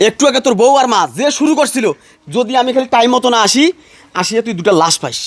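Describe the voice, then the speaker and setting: Lecturing neighbor man, fast high voice, male cast. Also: expressive, no echo. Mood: scolding. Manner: lecturing, admonishing. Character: neighbor man, scolding peacemaker. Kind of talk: melodramatic family drama acting.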